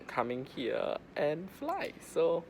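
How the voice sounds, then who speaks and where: A man's voice: a little high, wildly swooping pitch, slow pace, darkish tone. A man giving a casual, rambling travel vlog update with informal phrasing and lots of filler words. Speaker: travel vlogger. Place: airport boarding gate seating. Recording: clear background noise of airport.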